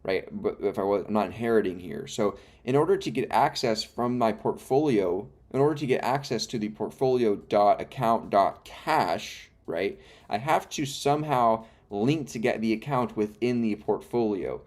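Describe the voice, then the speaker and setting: A man's voice: lowish voice, moderate pace, darkish tone. A man hosting a live coding stream with the hiccups, muttering code steps to himself and explaining in a rambling, self-correcting way. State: has the hiccups. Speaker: livestream host. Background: faint music and keyboard typing.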